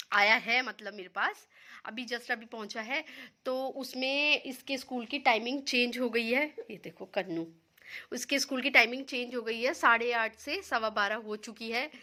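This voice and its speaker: A woman's voice: a little high, sharp tone. A young woman filming a casual home vlog on her phone, chatting and rambling to viewers while she minds her children. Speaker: home vlogger and mother.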